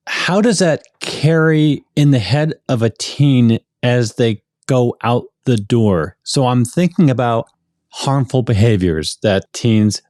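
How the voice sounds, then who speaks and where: A man hosting a podcast, asking the guest thoughtful questions in a measured way. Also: medium pitch, a little mellow, dry recording, studio quality. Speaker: podcast host. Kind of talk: interview questions.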